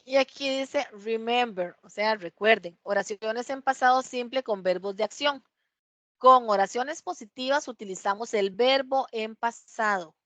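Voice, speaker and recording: A woman teacher patiently explains English past tense rules in an online class, drilling words slowly one at a time and checking in often with her students. Her voice is a little high and fairly bright, recorded with no room sound.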